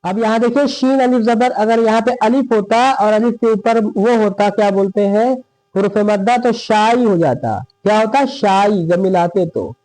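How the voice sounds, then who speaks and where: High-voiced man teaching Quran reading. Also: darkish tone, no echo, low-quality recording. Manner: drawn-out demonstration of words, frequent checking "theek hai". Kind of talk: slow step-by-step recitation lesson.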